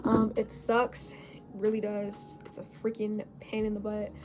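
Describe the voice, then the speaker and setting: A teenage girl in a casual get-ready-with-me chat, rambling and correcting herself as she goes, her voice a little hoarse, recorded on a phone. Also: mid-range voice, monotone, a little slow, over music, poor audio. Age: late teens. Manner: rambling, chatty, self-correcting. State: slightly hoarse. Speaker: beauty vlogger. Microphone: phone camera.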